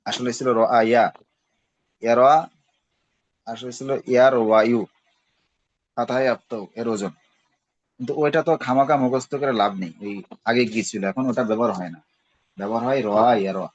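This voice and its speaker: A man's voice: medium pitch, normal speed, long pauses, lo-fi sound. A man teaching a class on Arabic grammar, patiently repeating each verb form with its meaning and checking in as he goes. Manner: checks in with "ঠিক আছে". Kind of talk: recorded class lesson.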